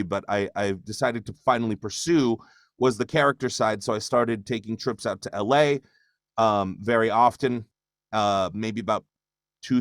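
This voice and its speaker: Relaxed rambling man from Hawaii. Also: fairly low pitch, no room sound. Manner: relaxed and rambling, with frequent fillers and restarts. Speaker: voice actor guest. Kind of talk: casual webinar talk.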